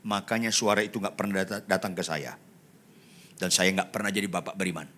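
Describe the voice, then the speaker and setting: A male pastor in his sixties preaching a sermon, telling the story dramatically and acting out the characters, swinging between soft asides and loud shouts. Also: sits low, steady tone, a little fast.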